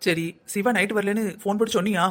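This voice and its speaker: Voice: mid-range voice, fairly even intonation, fast, a bit bright, natural voice. A performer voicing a grumbling older husband in a family cartoon, nagging his wife in a South Tamil Nadu accent. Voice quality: scolding, nagging. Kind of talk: cartoon family comedy acting.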